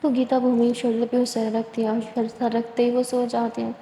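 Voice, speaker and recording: A woman narrating a spoken love story in a soft, plain, steady retelling. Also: on the high side. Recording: echoey room, long reverb, faint hiss.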